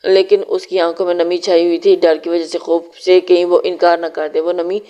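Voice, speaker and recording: Low-voiced woman narrating a novel. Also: moderate pace, smooth. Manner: steady storytelling.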